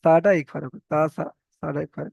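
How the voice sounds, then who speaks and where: A man teaching Quran reading, spelling out letters and vowel marks and then chanting each word slowly. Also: fairly high pitch, level tone, vocal fry, darkish tone, breathy edge, dry recording, highs cut off. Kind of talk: spelled-out recitation lesson.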